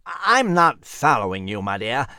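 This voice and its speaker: Brief: narrator as polite bespectacled male animal, gentle and lively. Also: mid-range voice, measured pace, clear, resonant tone, dry recording, studio quality, full character voice. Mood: musing. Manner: courteous and methodical, says "my dear". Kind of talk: storybook character voice.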